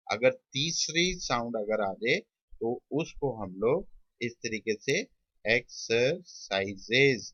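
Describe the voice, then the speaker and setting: A male shorthand tutor stretches out each sound as he teaches, slipping English terms into his lesson. His voice is bright and forceful. The recording is dry and a little dull. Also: medium pitch, dry recording. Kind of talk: classroom lesson.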